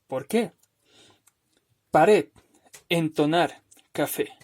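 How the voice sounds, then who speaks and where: A man teaching a recorded spelling lesson over slides, patient and step by step, often checking in with "¿no?" and slowly drawing out words to show where the stress falls. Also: a little high, darkish tone. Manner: patient, explains step by step with frequent "¿no?".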